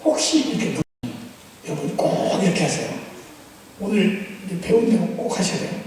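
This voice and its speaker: A man's voice: high-pitched, very animated, fairly quick, darkish tone. A man preaching as a pastor at a church seminar. He acts out little exchanges and drills the congregation with call-and-response practice. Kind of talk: sermon seminar. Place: church sanctuary. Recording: echoey church hall, voice far from mic, faint noise.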